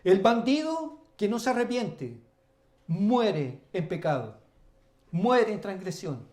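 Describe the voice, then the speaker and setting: A man's voice: high-pitched, very animated, slow pace, darkish tone. A man, a pastor preaching a sermon with emphatic, repeated lists of phrases.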